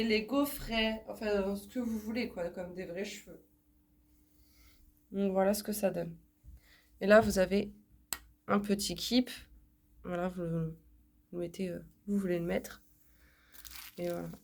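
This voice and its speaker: Slow-talking woman with a stuffy nose. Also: mid-range voice, a little mellow. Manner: chatty, repeats words, many fillers. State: congested, talking through the nose from a cold. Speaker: vlogger showing a haul. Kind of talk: casual unboxing chat.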